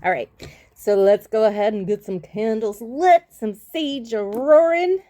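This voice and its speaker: A woman's voice: fairly high pitch, measured pace, dark tone, no echo. A woman giving a tarot reading in a casual, chatty livestream, affectionate and rambling as she sets up, speaking into a phone. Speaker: tarot reader.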